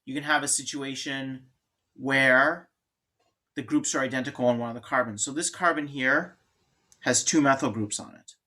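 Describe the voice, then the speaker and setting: A man delivers a chemistry lecture in a classroom, keeping it informal and jokey, thinking aloud and restarting his sentences. His mid-range voice is bright and forceful, with a steady tone and a normal speed.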